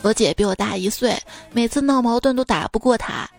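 A young woman hosting a show, telling comic family anecdotes in a playful, chatty way over soft music. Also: a little high, a little fast, gravelly. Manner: playful, chatty, acts out quoted lines. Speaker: podcast host. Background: faint background music.

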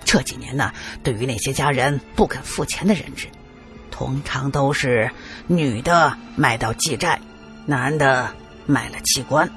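A man's voice: medium pitch, very animated, moderate pace, faint music behind, voice pushed down. A male storyteller voicing a seasoned tomb raider who speaks in a mocking, teasing way. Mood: sardonic.

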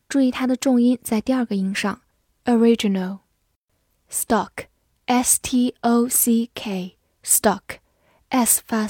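A young woman teaching English vocabulary, spelling out words letter by letter and reading example sentences slowly. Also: a little high, a little mellow, no room sound, studio quality. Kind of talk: scripted vocabulary lesson.

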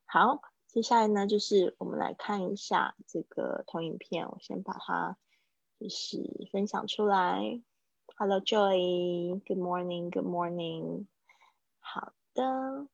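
A woman teaching an English class over a live online call, patiently explaining and repeating example phrases slowly. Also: medium pitch, vocal fry, slightly rough, no room sound. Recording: dull lo-fi dry stream audio.

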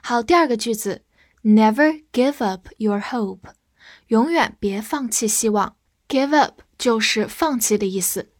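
A woman teaching English vocabulary, spelling words out and reading example sentences slowly and clearly. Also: on the high side, lively intonation, no room sound, clean studio sound. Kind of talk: vocabulary lesson.

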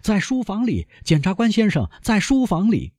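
A man's voice: sits high, wildly swooping pitch, darkish tone, dry recording, studio quality, voice pushed up, exaggerated voice. A man voicing an alarmed doorkeeper who speaks in a hurry. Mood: anxious. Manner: hurried, anxious.

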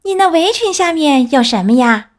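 A woman voicing a sly, scheming male wolf who wheedles and flatters. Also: sits high, normal speed, voice pushed up. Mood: wheedling. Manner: sweet-talking, wheedling.

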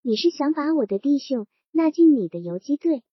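A woman's voice: high-pitched, big pitch swings, moderate pace, no echo. A woman voicing a sly, self-assured male bandit chief in a storybook reading, speaking coolly and with teasing confidence. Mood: hearty. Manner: cool, teasing, then curt. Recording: dull lo-fi sound.

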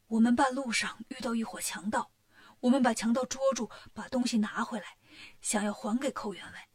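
A woman voicing a gentle male monk who speaks softly and pleads his case. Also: on the high side, fairly even intonation, fairly quick, close to an everyday voice. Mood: pleading.

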